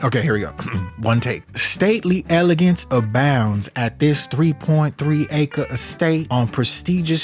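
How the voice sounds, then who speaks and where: A man talking casually as he hosts his own video, dry and sarcastic, with a middle-pitched voice. Quiet guitar music plays faintly under his chat. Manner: joking, sarcastic. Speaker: YouTuber reviewing a house.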